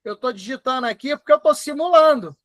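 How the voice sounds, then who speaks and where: A man with a Brazilian Portuguese accent teaching a live online class in a chatty way, often dictating slowly word by word. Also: extremely high pitch, lively intonation, a bit bright, dry recording. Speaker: instructor.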